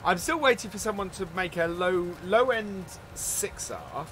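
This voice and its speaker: A man's voice: high-pitched, expressive, a little slow, background noise. A man hosting a live gameplay stream, chatting casually and greeting viewers by name while he plays. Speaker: livestream host.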